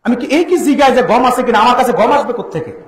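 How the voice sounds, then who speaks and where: A very high-pitched male preacher gives a fiery sermon, firing questions at the crowd and breaking into shouts and chanted verses. His voice rings through an echoey amplified venue. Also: lively intonation, quick pace. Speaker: Islamic preacher. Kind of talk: impassioned sermon to a large gathering.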